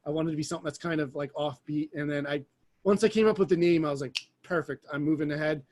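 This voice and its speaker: A man with a notably high voice rambles along in casual podcast chat. He tells stories with plenty of eager digressions. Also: fairly even intonation, quick pace, darkish tone. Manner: rambling, enthusiastic storytelling. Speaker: podcast co-host.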